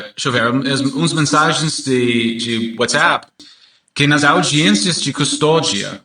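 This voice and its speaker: Halting American-accented man, bright echoey voice. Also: medium pitch. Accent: American English accent in Portuguese. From United States. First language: English. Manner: halting, searching for words in Portuguese. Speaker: journalist being interviewed. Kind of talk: spoken interview. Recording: echoey room.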